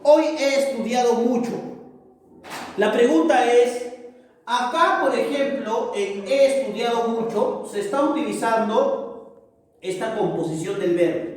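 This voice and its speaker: A male teacher giving a grammar lesson, slowly reciting verb forms and checking understanding after almost every phrase. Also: high voice, darkish tone. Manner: tags nearly every phrase with "¿no es cierto?" and "¿correcto?". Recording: echoey hall, mic far off.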